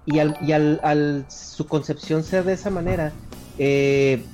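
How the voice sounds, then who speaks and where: A man's voice: on the high side, steady tone, a little slow, mellow, soft background music. A man from northern Mexico with a northern Mexican accent, co-hosting a casual chat; he explains at length with many hesitations and fillers. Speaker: co-host.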